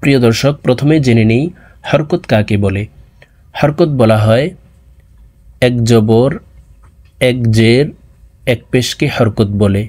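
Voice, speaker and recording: Very slow, drilling man teacher. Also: medium pitch, darkish tone. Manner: recites letter sounds slowly for students to repeat. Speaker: Quran recitation teacher. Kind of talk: slow drilled pronunciation lesson.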